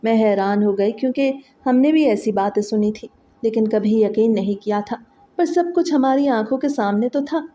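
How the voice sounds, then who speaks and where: A woman's voice: fairly high pitch, dark tone, muffled recording. A woman narrating a dramatic first-person story in an earnest, emotional way.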